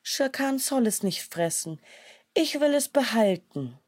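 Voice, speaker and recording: Brief: a woman doing a protective mother she-wolf from a storybook, pitched higher, slow and tender. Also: lively intonation, no echo, clean studio sound. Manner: soft and tender, turning fierce when defending.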